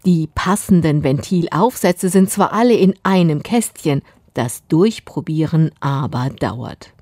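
A woman's voice: sits low, animated, measured pace, darkish tone, dry recording. A middle-aged woman, a mother, reading a scripted first-person family anecdote with wry, dry humor.

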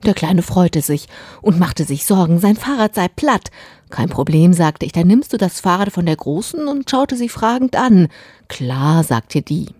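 A woman's voice: fairly low pitch, animated, measured pace, dark tone, husky, dry recording. A middle-aged woman, a mother, reading a scripted first-person family anecdote with wry, dry humor.

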